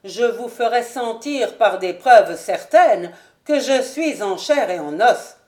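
A loud, blustering young nobleman, as a woman reader puts him on, bluff and jovial. He speaks in a raised, slow storybook voice. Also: fairly high pitch, expressive.

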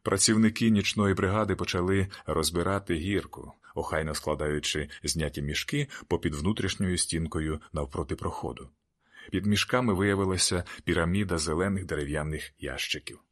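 A man narrating a novel in the first person, reading in an even, measured way. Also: deep voice. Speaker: audiobook narrator.

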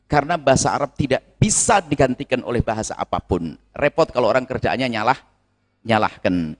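A man's voice: mid-range voice, expressive, fairly quick. A man preaching and answering audience questions in a religious lecture, emphatic and explanatory, repeating key words as he teaches. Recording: long hall reverb.

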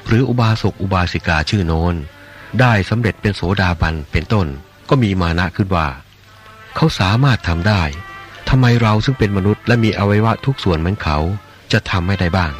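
A man voicing a calm, gentle monk in an audiobook reading of a religious novel, teaching in a measured, gently admonishing way. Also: low voice, close to an everyday voice.

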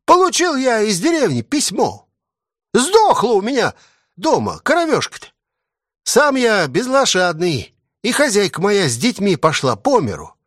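A brash young soldier picks at an officer with insolent, needling questions, his voice pitched high and sharp. A man acts him out in a story reading, recorded close and dry with no room sound. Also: wildly swooping pitch, measured pace, dry recording, heavily acted. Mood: taunting. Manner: taunting, badgering. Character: cheeky rough young male soldier, mocking.

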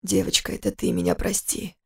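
A woman voicing an injured man who speaks hoarsely and quietly, lower and softer than her narration. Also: fairly quick. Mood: weary stern. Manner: hoarse, slurred.

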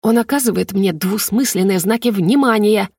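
A woman's voice: medium pitch, normal speed, a little mellow, breathy edge, no echo, clean studio sound. A woman voicing a touchy, grumpy male dragon who runs the academy, grumbling and blustering. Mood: indignant.

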